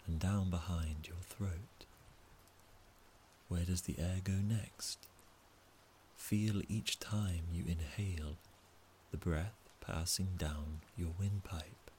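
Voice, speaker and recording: A man calmly leading a guided breathing meditation, speaking softly and counting out each breath. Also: deep voice, a little hiss or hum. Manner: calm, soft, counting out breaths. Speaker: relaxation guide.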